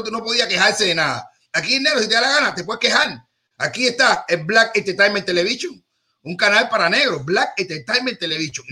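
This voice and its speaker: A man holds forth in a rambling, joking talk-show monologue. His voice sits high and rings very bright and forward. He stumbles, repeats himself and restarts, then drives the point home.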